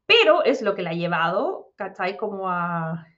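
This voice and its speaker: A woman with a Chilean accent in a fast, chatty conversation, full of slang fillers. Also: mid-range voice, big pitch swings, fairly bright tone, lo-fi sound. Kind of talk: casual chat.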